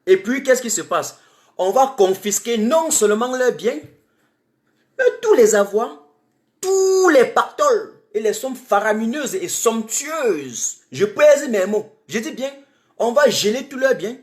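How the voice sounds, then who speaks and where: A woman's voice: a little high, big pitch swings, a little slow. A woman from Cameroon, giving impassioned, defiant political commentary on a livestream and repeating phrases for emphasis. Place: home in Germany. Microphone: webcam or phone mic on a livestream.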